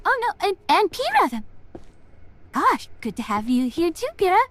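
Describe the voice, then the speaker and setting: In a witchy persona, this woman streams a game and chats casually in an adorable anime-streamer manner, voicing titles aloud and murmuring reactions. Her voice is very high and very animated, somewhat bright, delivered at a normal speed.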